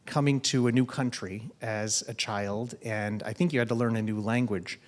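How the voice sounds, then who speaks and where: A man serving as college dean moderates a public event conversation after introducing the guest. His delivery is measured and full of ums, with a lowish voice and fairly even intonation.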